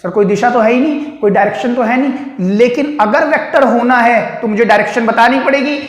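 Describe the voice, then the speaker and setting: A man's voice: extremely high pitch, fairly quick, reverberant. A man teaching maths at a board, mixing English terms into his Hindi, checking understanding and asking and answering his students' questions himself. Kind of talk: board lecture. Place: room with a board.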